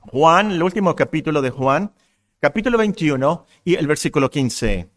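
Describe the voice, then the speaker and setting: A male pastor preaching a sermon to his congregation in an expressive way, weaving personal stories into his teaching. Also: on the high side, normal speed. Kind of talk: expository sermon. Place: church congregation.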